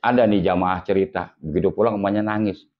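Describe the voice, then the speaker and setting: A man with a Betawi accent giving a sermon as an ustadz to his congregation, folksy and lively, slowing down to stress his warnings. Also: sits low. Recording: dull lo-fi recording.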